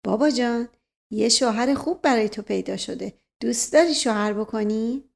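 Wry, coaxing nobleman , read by a woman, soft persuasive delivery, higher pitch. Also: creaky.

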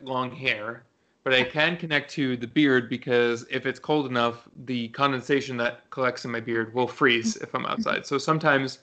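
A man's voice: mid-range voice, sharp tone. A man co-hosting a podcast, chatting informally and restarting mid-thought as he talks. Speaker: podcast co-host. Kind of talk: casual podcast chat.

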